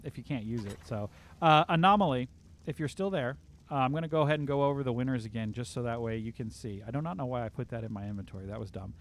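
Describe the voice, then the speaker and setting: A man hosting a casual game livestream from home, chatting in an upbeat way and reading viewer comments aloud. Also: medium pitch. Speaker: livestream host. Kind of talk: casual live-stream chat.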